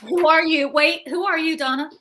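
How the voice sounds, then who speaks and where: A woman's voice: sits high, fairly even intonation, moderate pace, background noise. A woman hosting a casual video chat, encouraging her guests and murmuring along. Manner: encouraging, frequent backchannel murmurs. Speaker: host. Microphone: video call.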